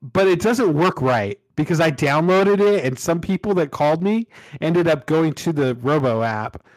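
A man's voice: on the high side, expressive, normal speed, no echo. A middle-aged man co-hosting a casual chat, telling rambling stories and laughing often. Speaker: podcast co-host.

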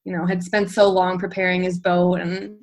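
A woman's voice: lowish voice, little pitch movement, normal speed. A young adult woman casually telling a travel story as a guest, rambling and full of fillers like "like" and "um".

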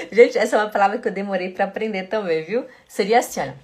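A woman teaching German pronunciation in a casual video lesson, patiently repeating each word slowly. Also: mid-range voice, animated, darkish tone.

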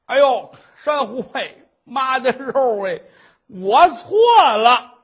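A man voicing a remorseful old mother-in-law who exclaims loudly and apologizes in a fawning way. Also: high voice, big pitch swings, normal speed, husky, dull audio, exaggerated voice. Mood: pleading.

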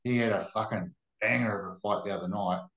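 Male podcast co-host, broad Kiwi accent, lowish voice, sweary blokey chat, roomy echo. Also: steady tone, a little fast, fairly bright tone. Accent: broad New Zealand. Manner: blokey, sweary, ends remarks with "eh". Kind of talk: casual chat about combat sports.

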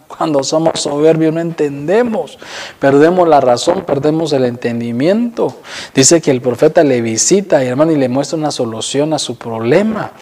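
A man preaching a sermon, constantly calling his listeners brother and acting out the quoted speakers with a rising voice. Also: darkish tone. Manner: addresses listeners as "hermano" constantly; acts out quoted voices with rising pitch and volume.

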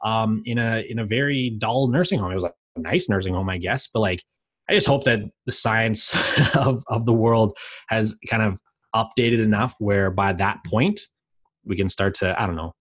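A man in his late twenties talks loosely on a podcast, drifting from thought to thought and laughing often. His voice sits a bit low. The sound is dry and close to the mic. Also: normal speed, a bit bright, no echo. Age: late 20s. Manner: rambling, lots of "like" fillers, laughs easily. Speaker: podcast co-host. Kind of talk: casual chat.

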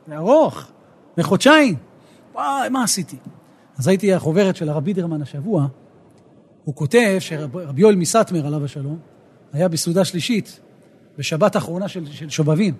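A rabbi teaching a Torah lesson, an animated storyteller who rises to emphatic outbursts. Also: male voice, high voice, long pauses, breathy edge.

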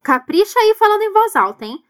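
A Brazilian woman with a very high, sing-song voice teaches English to Portuguese speakers, explaining grammar. She models English phrases slowly and deliberately, having the listener repeat them after her.

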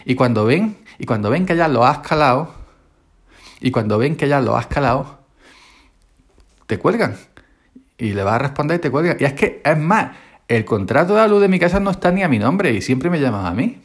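A man's voice: mid-range voice, sing-song, moderate pace, long pauses. A man from Spain hosting a podcast, recorded on his phone in his bedroom, telling a story in a rambling, wry way. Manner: rambling, wry, repeats himself. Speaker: podcast host. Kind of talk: casual storytelling monologue. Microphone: mobile phone.

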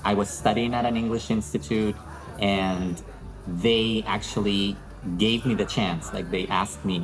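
A Peruvian English teacher with a voice on the low side speaks as a guest in an interview conversation. He comes across as friendly and thoughtful, using some fillers, and the recording is rough.

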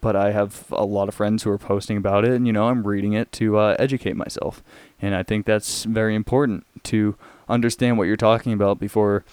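A young man hosting a casual solo podcast, talking in a rambling, halting way. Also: on the low side, a little mellow, clean tone, no echo. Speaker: podcast host.

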